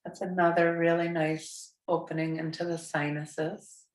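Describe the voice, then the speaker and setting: A woman in her forties, her voice raspy from a cold, guides a yoga class in a lowish, level tone, her soft instructions slow, soothing and encouraging. She works in a bright home studio with big windows. Because the camera is across the room, she sounds far off amid echo.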